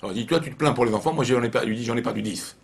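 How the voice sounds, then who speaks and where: Man, rabbi, informal Torah lesson, animated storytelling, repeats phrases. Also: medium pitch, racing, gravelly.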